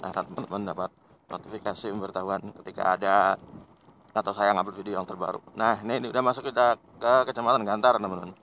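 An Indonesian motovlog host rides a motorbike along rural roads, chatting casually with viewers as if they were friends and laughing often. He's relaxed and talkative, speaking fast in a fairly low voice, and the recording carries a little hiss or hum.

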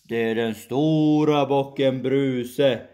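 Huge bold billy goat in a storybook, loud boastful threats, played by a woman. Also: rumbling low, fairly even intonation. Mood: defiant.

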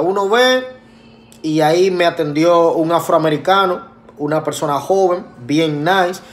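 A man vlogging a casual personal story, chatty with many fillers and restarts, acting out both sides of conversations. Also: high-pitched. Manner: acts out both sides of dialogues.

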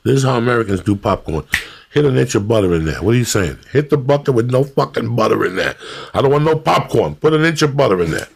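A middle-aged man hosting a podcast, telling profane, animated stories in casual chat. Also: medium pitch, fast talker. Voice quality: gravelly. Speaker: podcast host.

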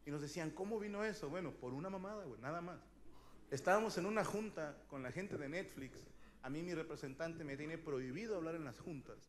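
Mexican comic in his thirties, high-pitched, crude and slangy, with loud shouted bits; noisy live show. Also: fairly quick. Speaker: stand-up comedian. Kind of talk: stand-up comedy monologue.

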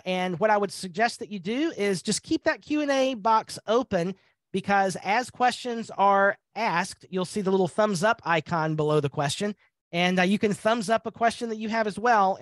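An upbeat man with a fairly high voice hosts a live training webinar, chatting with fillers. The sound is close and dry, like a video call mic. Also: no room sound. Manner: upbeat, conversational, many fillers. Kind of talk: friendly webinar hosting.

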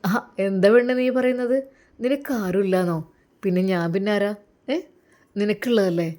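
A woman voicing a gentle widowed teacher. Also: mid-range voice, steady tone, normal speed, close to an everyday voice. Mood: soothing. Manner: soft, coaxing, reassuring. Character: gentle widowed male religious teacher, tender and reassuring. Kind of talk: audio story drama.

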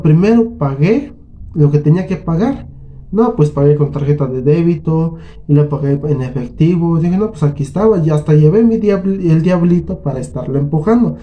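A man's voice: on the high side, lo-fi sound. A man with a Mexican accent casually tells a story on his vlog, acting out both sides of an argument in colloquial, salty speech. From Huasteca region of Mexico. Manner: colloquial, swears freely. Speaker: channel host.

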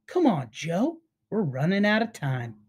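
A woman's voice: fairly low pitch, big pitch swings, unhurried, darkish tone, breathy edge, full character voice. A woman reading aloud, voicing an exasperated, gloomy schoolboy. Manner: frustrated, sighing.

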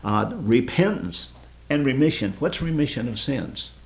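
A man's voice: medium pitch, lively intonation, measured pace. A man leading an informal Bible study, earnestly explaining scripture and quizzing his group.

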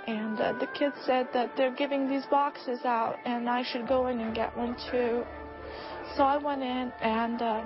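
Woman, middle-aged, earnest testimony, somewhat high voice, music behind. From Bosnia. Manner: earnest, heartfelt storytelling. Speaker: testimony speaker. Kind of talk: personal testimony. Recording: muffled video clip with music behind.

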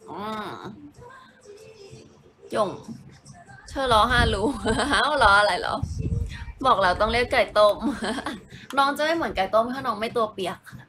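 A woman's voice: fairly high pitch, fairly bright tone, a little hiss or hum. A young woman chatting casually on a home live stream, giggling often and answering viewers as she reads their comments.

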